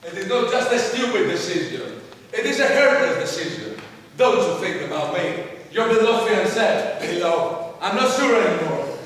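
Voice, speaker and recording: A man's voice: high-pitched, big pitch swings, moderate pace, fairly bright tone, heavily acted. A man playing an indignant jilted fiancé. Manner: indignant, pleading. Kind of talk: amateur stage acting. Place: small theatre stage. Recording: echoey hall from far off.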